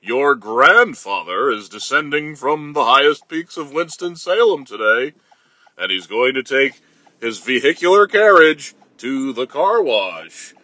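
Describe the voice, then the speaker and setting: Goofy uncle with a deep low voice, some guy putting it on, slow and coaxing, dry. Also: sing-song, sharp tone, no echo, heavily acted. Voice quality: deep, lowered voice. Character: silly slow-talking uncle. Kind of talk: improvised comic character bit.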